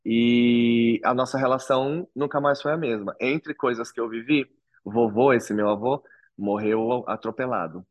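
A man's voice: medium pitch, steady tone, normal speed, no echo, highs cut off. A man, telling his own story to an interviewer in an earnest, reflective way. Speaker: interview guest. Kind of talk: personal testimony in an interview.

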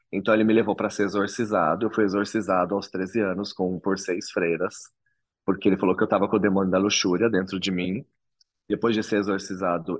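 A man with a lowish voice, recorded without echo, shares his personal testimony with an interviewer. As the guest, he tells his own story earnestly and reflectively.

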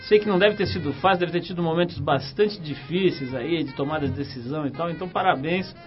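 A man's voice: a little high, fast talker. A man with a São Paulo Brazilian accent hosting a radio show in a casual, chatty, slangy way. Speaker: radio host. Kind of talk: casual radio interview and magazine-show presenting. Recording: dull radio broadcast with music.

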